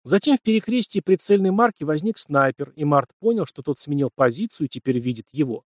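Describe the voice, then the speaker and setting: A man narrating an audiobook in a steady scripted storytelling delivery. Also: on the high side, fairly quick, dry recording, clean studio sound.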